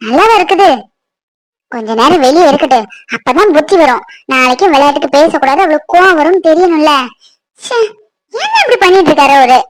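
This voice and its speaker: A woman's voice: high voice, lively intonation, a little fast. A woman voicing a fiery young wife. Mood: scolding. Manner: scolding, then giddy. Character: young wife and sister, sharp-tempered, excitable.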